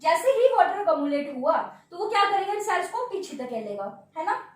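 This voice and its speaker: बहुत ऊँची आवाज़ में पढ़ाती शिक्षिका, गूँजता कमरा. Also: female voice, very high voice, big pitch swings, brisk, distant mic, slight background noise. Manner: repeats key terms as questions and answers them; checks in often with tag words. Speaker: biology teacher. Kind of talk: classroom lecture at a board. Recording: very echoey room, voice off-mic.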